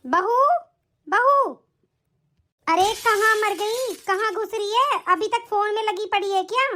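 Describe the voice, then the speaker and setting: A woman voicing a harsh, bossy middle-aged mother-in-law who taunts and scolds in an animated story. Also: very high-pitched, normal speed. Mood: scolding.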